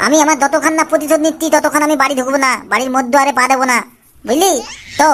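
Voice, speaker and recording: Futu, a cocky cartoon boy, voiced by a woman, rattles on in a high, quick voice. He schemes and boasts without pause. Light music plays behind him. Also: fairly bright tone. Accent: Bengali. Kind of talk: cartoon voice acting.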